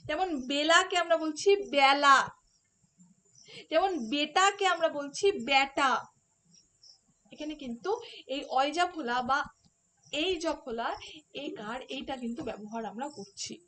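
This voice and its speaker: A woman's voice: sits high, normal speed. A woman teaching a phonetics lesson for an exam, explaining step by step and asking rhetorical questions. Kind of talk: online exam-prep lesson.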